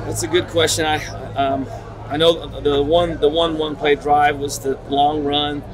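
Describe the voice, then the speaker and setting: A middle-aged man, a head football coach at a postgame press conference, talking in halting, restarting sentences with many repeats. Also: fairly high pitch, flat delivery, over music, low-quality recording. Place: concrete-walled stadium corridor. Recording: crowd chatter behind. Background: crowd noise.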